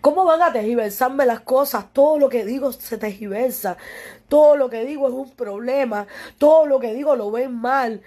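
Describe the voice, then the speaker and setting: Tearful and tired, a high-voiced woman with a Cuban Spanish accent talks at normal speed in a warm tone, directly to camera. As a musician responding to a critic, she pleads with passion, swears, and keeps repeating herself.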